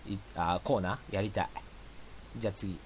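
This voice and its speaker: A man hosting a casual radio show, reading listener mail and rambling between laughs and quick impressions. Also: low voice, husky.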